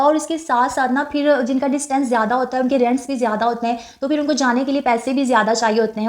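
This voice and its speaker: A young woman from Pakistan narrating her vlog in a casual, chatty way, reflective and a little wistful, with frequent fillers. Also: high-pitched. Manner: speaks softly and wistfully about her late mother. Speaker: vlogger.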